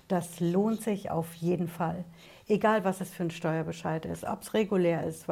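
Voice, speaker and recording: Gravelly-voiced woman tax lawyer explaining. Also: lowish voice, warm tone. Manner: emphatic, addresses viewers formally, poses rhetorical questions. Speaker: tax lawyer, channel host. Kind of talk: explanatory talk to camera.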